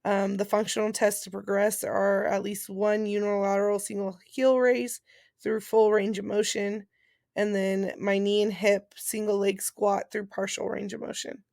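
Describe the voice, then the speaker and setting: In a relaxed vlog-style chat, a post-surgery patient explains her recovery informally, reading each point aloud before putting it in her own words. Her voice sits at a middle pitch with clear gravelly fry, a little mellow, with little pitch movement and a normal pace. There's no room sound, just a dry recording.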